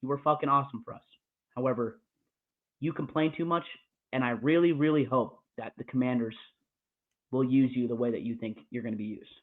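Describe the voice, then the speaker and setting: A man's voice: medium pitch, fairly even intonation, fairly quick, long pauses. A man co-hosting a casual sports podcast, ranting with heavy profanity about his football team. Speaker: podcast co-host. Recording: tinny phone-like call audio.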